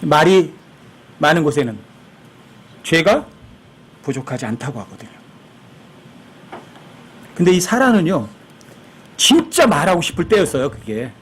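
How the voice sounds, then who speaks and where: Guy preaching a sermon, high voice that swings all over, kinda breathy, acts out the people he quotes. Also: big pitch swings, measured pace, long pauses, fairly bright tone. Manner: acts out quoted voices, emphatic and conversational with the congregation. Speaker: pastor.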